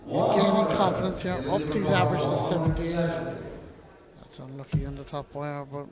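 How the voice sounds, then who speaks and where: A man's voice: on the high side, level tone, normal speed. An Irish man giving live darts commentary in a colloquial way, full of slang. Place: echoing venue with crowd behind. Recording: echoey hall with crowd noise.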